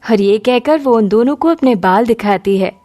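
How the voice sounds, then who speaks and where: Female storybook narrator, even and mellow, slightly high. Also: normal speed, soft background music.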